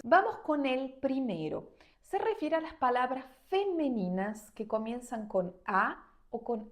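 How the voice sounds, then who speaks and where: A woman with a slightly high voice teaches Spanish in an online lesson. She explains grammar clearly and slows right down to say each example word. Her delivery is deliberate and well paced. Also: a little mellow.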